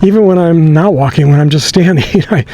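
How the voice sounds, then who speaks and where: An older American man with a wheezy voice, out of breath, chatting casually in a halting, rambling way as he walks outdoors with the mic close to his mouth. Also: fairly high pitch, warm tone. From suburb of Los Angeles, USA. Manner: rambling, halting, self-correcting. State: out of breath from walking uphill. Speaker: vlog host. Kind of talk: casual walking chat. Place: outdoors, walking on a hilly residential street. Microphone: camera microphone inches from the mouth. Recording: outdoor ambient noise, close camera mic.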